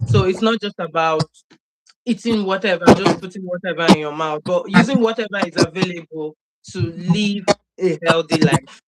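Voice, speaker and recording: A young Nigerian woman with a fairly low voice talks at a moderate pace as a guest on a video-call interview, telling casual stories. She laughs a lot and fills her speech with fillers, while a loud crowd and poor audio quality intrude.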